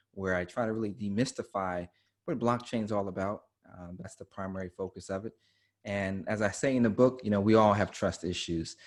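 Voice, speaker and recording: A man from the United States with a low voice talks as a guest in a webinar. He is emphatic and comes back to his main points. His audio has the feel of a video call. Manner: emphatic, repeats key points. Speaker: guest author. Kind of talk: webinar conversation.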